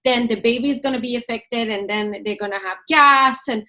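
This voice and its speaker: Bright-voiced woman hosting an interview. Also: on the high side, a little fast. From Iran and Sweden. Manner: earnest, affirming, searching for words. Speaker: host. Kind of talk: conversational interview.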